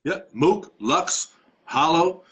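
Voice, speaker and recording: A man in his thirties hosting a live interview, talking in a relaxed, rambling way. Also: fairly high pitch, slow, breathy edge, dull audio. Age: 30s. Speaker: podcast host. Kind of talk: casual interview chat.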